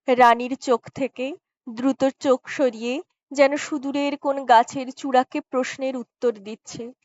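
A woman narrates an audiobook story in a high, unhurried voice. She reads softly and dramatically, close to the mic. The recording is dry and a little dull. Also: no room sound. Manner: slow, soft dramatic reading with acted dialogue.

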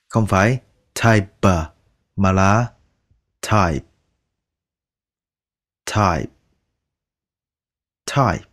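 Male language teacher, low-pitched, unhurried pronunciation drills, patient and coaxing. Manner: repeats each word slowly, drawing out sounds; patient, coaxing, ends phrases with soft particles. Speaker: English teacher. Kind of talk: slow pronunciation lesson.

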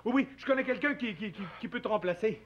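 A man voicing an excitable, eager little male friend who stammers, in 1960s children's TV puppet acting. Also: high voice, fast talker, lo-fi sound. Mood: apologetic.

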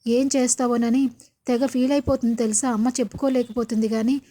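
A woman's voice: a little high, level tone, fairly quick, dark tone, lightly acted. A woman reading the lines of a cheeky younger sister in a serial retelling, playful and teasing.

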